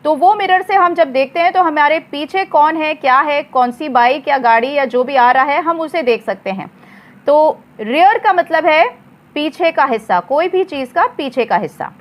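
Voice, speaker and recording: A woman teaching English words in a slow lesson, spelling them out letter by letter and repeating each one. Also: high-pitched.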